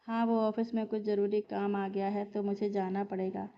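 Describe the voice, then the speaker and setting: A woman reading the lines of a withdrawn young man, curt and hurried. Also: mid-range voice, completely flat delivery, slight background noise, lightly acted. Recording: slightly dull lo-fi recording.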